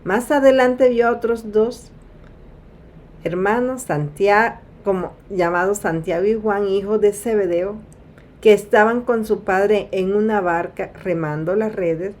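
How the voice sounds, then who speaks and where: A woman's voice: medium pitch, a little slow. A woman giving an informal Bible sermon, retelling scripture and speaking straight to her audience with sighs and asides. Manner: warm direct address, repeats "amada audiencia".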